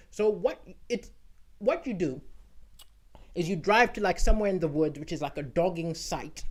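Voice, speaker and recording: He's a comedian with a strikingly high-pitched voice, chatting loosely and rambling to people online and often tagging his remarks with "right?".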